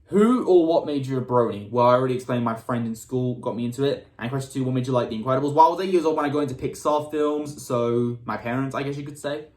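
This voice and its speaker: A man's voice: mid-range voice, fast talker, few pauses, a little mellow, echoey room. A British man from the United Kingdom, answering fan questions in a casual, upbeat chat, reading each question aloud and often restarting his words.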